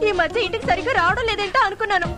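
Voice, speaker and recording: Shrill furious wife. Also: female voice, rapid-fire. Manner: shrill accusing. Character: furious wife confronting a cheating husband. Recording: film soundtrack with music and crowd.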